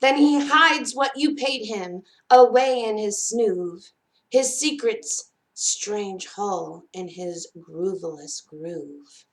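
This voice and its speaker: A woman with a mid-range voice reads a children's picture book aloud, expressive yet measured like a storyteller. The recording quality is low.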